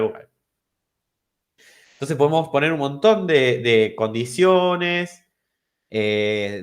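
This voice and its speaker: A man's voice: medium pitch, a bit bright. A man with an Argentine Spanish accent teaching an online programming class, explaining step by step and checking if his students follow. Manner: explanatory, repeats and restarts, asks if understood.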